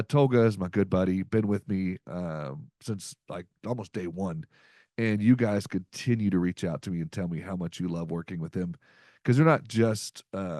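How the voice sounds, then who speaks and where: A podcast host with a deep voice and darkish tone chats casually in an upbeat, folksy way, using lots of fillers, in talk that mixes conversation with ad reads. The sound is clean studio quality with no room sound.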